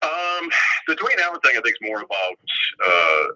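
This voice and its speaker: A man's voice: medium pitch, big pitch swings, normal speed, sharp tone. A man calling in over the phone as a sports reporter guest, talking casually and rambling with fillers and restarts. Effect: heard over a phone line. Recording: tinny lo-fi phone line.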